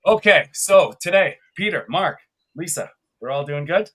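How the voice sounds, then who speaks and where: A man's voice: on the high side, lively intonation, normal speed, a bit bright. A man from Canada co-hosting a live podcast, chatty and upbeat, often laughing as he rambles. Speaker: podcast co-host.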